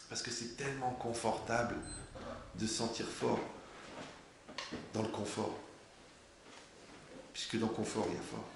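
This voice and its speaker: Gravelly-voiced man teaching in an echoey room. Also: fairly low pitch. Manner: animated, humorous, asks rhetorical questions. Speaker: Torah teacher. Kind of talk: religious class. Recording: very echoey room, faint noise.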